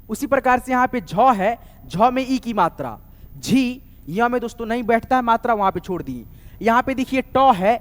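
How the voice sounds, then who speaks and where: Man, online reading teacher, high-pitched, reverberant room, syllable-by-syllable drilling. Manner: repeats "dostom" often, slow sounding-out of syllables. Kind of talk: online lesson, explaining letters and vowel signs.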